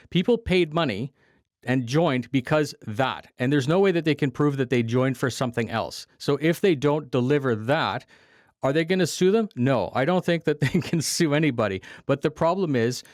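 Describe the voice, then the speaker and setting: A man's voice: mid-range voice, no room sound. Man, podcast guest, casual chat, blunt, swears, dry close mic. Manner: blunt, laughs easily, swears. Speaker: guest content creator.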